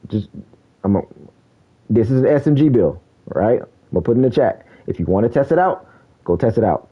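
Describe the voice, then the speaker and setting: A man's voice: animated, a little fast, husky, lo-fi sound. A man streaming a game, chatting casually and calling out enemies, heard through a poor-quality stream mic. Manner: slangy, calls out enemies, says "bro" a lot. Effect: low quality stream audio, bad mic. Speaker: gaming streamer. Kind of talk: casual live gameplay commentary.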